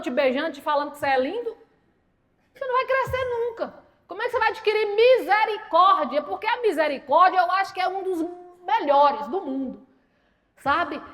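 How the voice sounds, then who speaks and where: A woman with a Minas Gerais accent, preaching a humorous testimony sermon at a church service and acting out the voices in her stories. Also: extremely high pitch. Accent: Minas Gerais Portuguese. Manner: lively storytelling that acts out quoted voices. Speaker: guest preacher.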